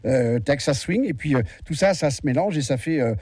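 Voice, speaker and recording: Radio host guy, dry close sound, rambly relaxed questions. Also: on the high side, moderate pace, slightly rough, no echo. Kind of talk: radio interview.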